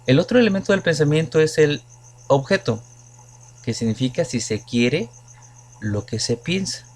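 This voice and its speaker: In this recorded lecture, a Mexican logic teacher speaks at medium pitch with a darkish tone. He takes a patient approach with his students, working through many examples and asking the class questions.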